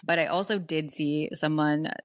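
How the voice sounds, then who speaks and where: A woman's voice: low voice, steady tone, moderate pace, no echo, clean studio sound. A woman co-hosting a podcast, chatting casually with a laughing, self-mocking manner. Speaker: podcast co-host. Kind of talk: casual chat.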